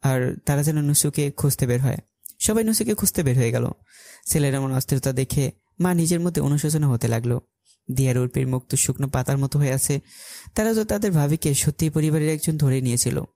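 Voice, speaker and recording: A man's voice: a little high, expressive, fairly quick, dark tone, no room sound. A man narrating a dramatic first-person story in an urgent, emotional way.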